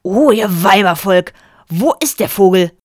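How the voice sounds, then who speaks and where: A woman voicing a grumpy, blustering opera-singer father who booms with indignation. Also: lively intonation, measured pace, slightly rough, dry recording, clean studio sound. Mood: grumbling. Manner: booming, indignant.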